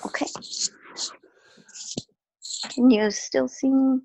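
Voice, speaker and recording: Slow, creaky-voiced woman talking reflectively. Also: high-pitched, steady tone, warm tone, no room sound, rough recording. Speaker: therapy client. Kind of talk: casual, reflective conversation.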